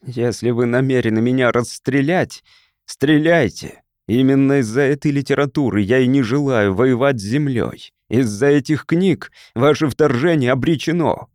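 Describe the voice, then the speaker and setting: A man's voice: mid-range voice, moderate pace, darkish tone, no echo, clean studio sound, natural voice. A man voicing a weary, defiant Martian who refuses to go to war, in a storybook reading. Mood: insistent.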